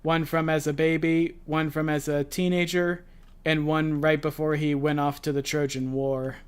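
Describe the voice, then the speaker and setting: Guy hosting a reaction stream, smooth clear voice a bit on the high side, lots of uhs and restarts. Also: little pitch movement, moderate pace. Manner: explains at length with many fillers and restarts. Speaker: reaction show host. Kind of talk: casual reaction chat.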